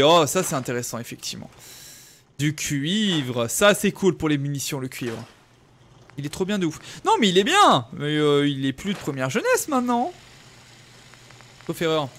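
Lively chatty male game streamer. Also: fairly high pitch, slight background noise. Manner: chatty, thinks aloud, talks to chat viewers. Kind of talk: casual live gameplay commentary.

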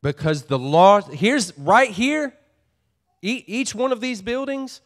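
A man's voice: high-pitched, expressive, slow. A pastor preaching a sermon to his church, earnest and folksy, often repeating and restarting his phrases.

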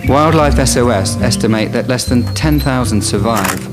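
A man's voice: medium pitch, normal speed. A man presenting and narrating a nature documentary in a scripted reporting style. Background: music under the narration.

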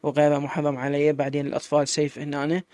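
A man's voice: a little high, monotone, fast talker, darkish tone, no room sound, close to an everyday voice. A man with an Iraqi accent voicing a devoted young widowed mother who answers firmly.

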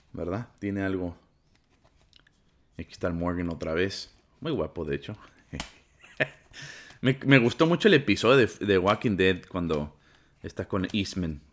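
A man's voice: sits low, a little hiss or hum. A young man with a Mexican Spanish accent, chatting casually and with plenty of slang while he unboxes movies for his vlog.

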